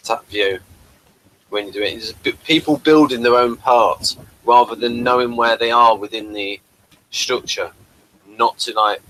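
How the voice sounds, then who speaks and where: A podcast host reviews classic TV episodes in a casual chat, explaining things and sharing his opinions. His voice is fairly low with a sharp tone, and the recording quality is poor.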